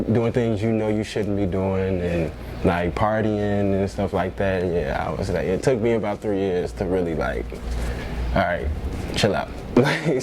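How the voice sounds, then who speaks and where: A man in his twenties talks relaxedly as a panel guest, with easy fillers. His voice is very deep. Room noise sits behind him. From Arizona. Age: 20s. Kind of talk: casual group discussion.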